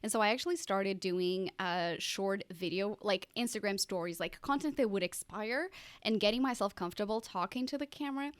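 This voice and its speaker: A woman's voice: mid-range voice, fairly quick, smooth, no room sound. A woman from Portugal, talking as a guest in a casual interview, chatty and upbeat. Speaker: podcast guest.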